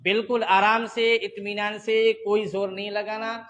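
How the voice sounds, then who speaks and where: A man teaching a lesson on Quran letter sounds, calmly explaining and demonstrating letters in loud, drawn-out repetitions. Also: sits high, lo-fi sound.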